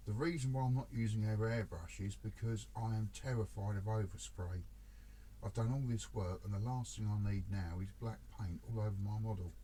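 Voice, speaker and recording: Low-voiced man chatting at his workbench. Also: dark tone, a little hiss or hum, poor audio. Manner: chatty, self-deprecating, muttering while working. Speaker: scale model builder. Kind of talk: casual build commentary.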